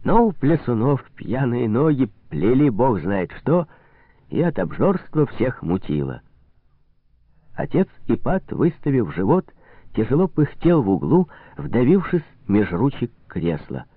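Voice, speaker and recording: Male narrator, slow, expressive literary reading, dry tinny sound. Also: medium pitch, dry recording. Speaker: audiobook narrator. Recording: dry, narrow phone-like sound.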